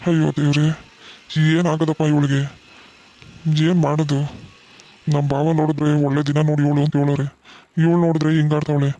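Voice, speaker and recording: A man voicing a gentle middle-aged village father in a cartoon, soothing and reassuring his daughter. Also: on the high side, flat delivery, brisk, pauses often, natural voice. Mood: fretting. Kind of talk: cartoon voice acting.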